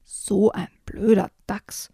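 A woman's voice: medium pitch, expressive, a little slow, a little mellow, no echo, clean studio sound, lightly acted. A woman voicing a friendly male raccoon in a children's storybook reading, with a raised, lighter voice.

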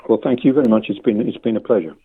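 An older man giving a hesitant, stammering interview with measured academic phrasing over a phone. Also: on the low side. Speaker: interviewee, lexicographer. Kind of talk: interview conversation. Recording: narrow phone-like line.

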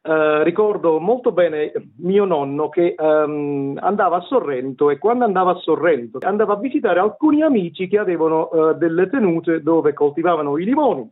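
Man, middle-aged, Neapolitan accent, fairly high voice, hesitant wordy storyteller, thin phone-line sound. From Naples, Italy. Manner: hesitant, wordy, repeats words. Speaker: interview guest, tenor and vocal coach. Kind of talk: casual interview storytelling. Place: remote call to a radio show. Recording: tinny phone-line radio call.

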